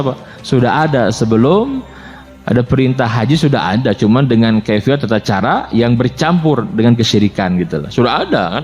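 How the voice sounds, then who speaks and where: A man preaching and telling a story in an animated way, often addressing his listeners directly. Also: medium pitch. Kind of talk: sermon with storytelling.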